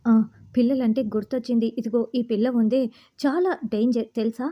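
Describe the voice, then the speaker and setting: A woman's voice: on the high side, steady tone, brisk, natural voice. Brief: sneering, scolding villain boss, muffled lo-fi audio, read by a woman. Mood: scornful. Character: male terrorist boss, blustering and scornful.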